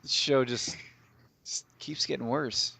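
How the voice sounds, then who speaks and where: A man's voice: medium pitch, fairly even intonation, slow, creaky, bright, forceful tone, husky, no room sound. A man co-hosting a casual podcast, blunt and swearing, often laughing. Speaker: podcast co-host. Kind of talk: casual chat.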